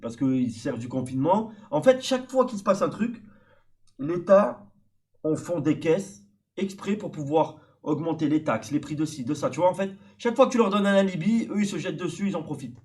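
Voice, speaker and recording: This French stream guest, a man older than his host, has a slightly high, expressive voice with a touch of mellowness. He speaks a little fast in casual chat, explaining things at length and hesitating often.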